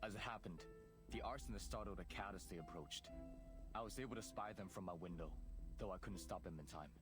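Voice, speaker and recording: A man's voice: sits low, a little fast, lightly acted. A man playing a formal, earnest young officer. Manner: formal, indignant. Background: game music.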